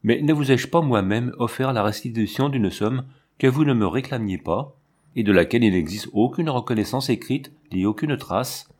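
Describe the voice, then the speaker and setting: A man's voice: mid-range voice, normal speed, darkish tone, lightly acted. A man voicing a cornered banker who protests and evades in an audiobook. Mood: defensive. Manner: evasive, protesting. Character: cornered banker, defensive and shaken. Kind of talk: audiobook narration.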